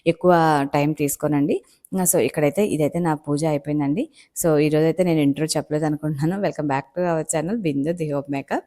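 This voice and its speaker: A woman's voice: deep voice, dark tone. A woman hosting a home channel, patiently explaining step by step with many fillers. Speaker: home-maker channel host. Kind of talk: casual home tutorial.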